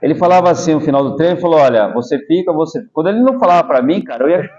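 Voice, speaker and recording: A man's voice: fairly high pitch, racing. A middle-aged Brazilian man, a taekwondo master, telling stories and explaining patiently in a casual interview. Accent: Brazilian Portuguese. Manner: animated, explains patiently with small asides. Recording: slightly dull lo-fi audio.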